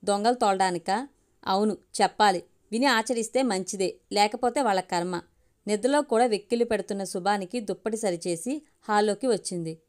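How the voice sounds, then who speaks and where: A woman storyteller reading a family story aloud in a measured, expressive way. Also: mid-range voice. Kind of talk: audiobook story narration.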